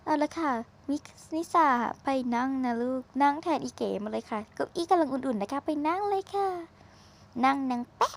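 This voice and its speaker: A woman's voice: high-pitched, animated, normal speed, creaky. A woman giving casual, chatty commentary while playing a video game, teasing and exclaiming as she goes, recorded at a desk microphone. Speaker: gaming streamer.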